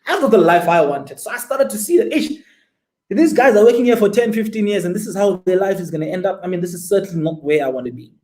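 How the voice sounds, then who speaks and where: A man in his twenties tells his story as an interview guest, with a fairly high voice. He speaks emphatically and keeps throwing rhetorical questions at the listener. The room around him rings with echo. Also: expressive, fast, a little mellow. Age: 20s. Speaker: guest entrepreneur.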